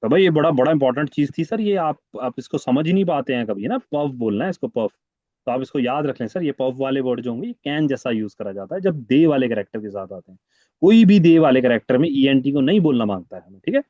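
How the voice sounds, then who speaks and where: A man's voice: mid-range voice, expressive, fast talker, warm tone, no room sound, dull audio. A man teaching French in an online class, patiently going over each word again and again. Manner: patient, repeats words many times.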